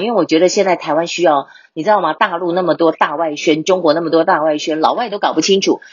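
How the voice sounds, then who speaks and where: Woman teaching English, husky voice. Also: low voice, dry recording. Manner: switches between Mandarin and English, explains vocabulary slowly. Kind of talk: bilingual English lesson podcast. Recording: dull, lo-fi dry recording.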